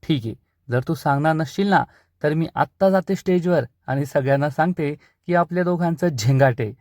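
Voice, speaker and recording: A man's voice: fairly high pitch, fairly quick, a little mellow, dry recording, clean studio sound, lightly acted. A man voicing a pushy, playful young woman in a serial recap. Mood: teasing. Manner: teasing, insistent.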